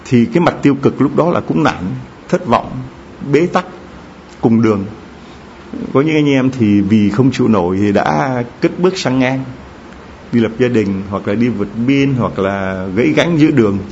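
A middle-aged man preaches in a church, telling stories and tossing questions to the congregation. His pitch sits in the middle for a man. The recording is dull and lo-fi, with a faint hum of the room behind him. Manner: storytelling, lively, addresses congregation directly with questions. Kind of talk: sermon. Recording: dull low-fi sound with faint ambience.

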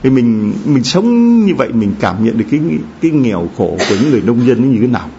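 The same middle-aged preacher talks fast here, spinning stories and firing questions at the congregation during his lively sermon. His pitch is average for a man, and the lo-fi recording is dull, with a faint hum of the room.

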